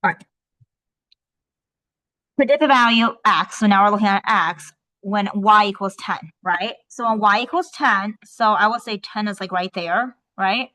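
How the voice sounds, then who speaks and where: Bright-voiced woman teaching a math lesson. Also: medium pitch, a little slow, low-quality recording. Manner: checks in often with "right?"; tentative, thinks aloud while estimating. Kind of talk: explaining a worksheet step by step.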